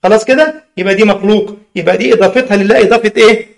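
High-voiced Egyptian man teaching in a mosque. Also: vocal fry. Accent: Egyptian Arabic. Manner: keeps asking the listeners questions and stretches key words slowly. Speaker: religious teacher. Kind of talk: mosque lesson in plain colloquial speech.

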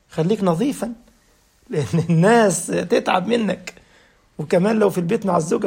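A man's voice: high-pitched, gravelly, husky. A man with an Egyptian Arabic accent, giving a humorous religious talk as a preacher and laughing through his jokey anecdotes.

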